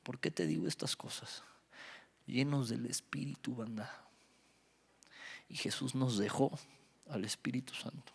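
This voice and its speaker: A man's voice: medium pitch, unhurried, vocal fry, pauses often, husky. A young man, preaching at a youth Bible study, telling stories with acted-out dialogue and joking with the audience. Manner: animated storytelling, acts out dialogue, jokes with the audience. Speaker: youth pastor. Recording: reverberant hall.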